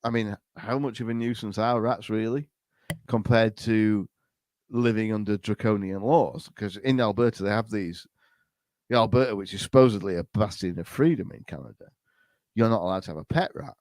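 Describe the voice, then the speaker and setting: Man, podcast host, lowish voice, casual rambling chat, restarts a lot, dry close sound. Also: normal speed, darkish tone, no room sound. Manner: rambling, hesitant, with frequent restarts.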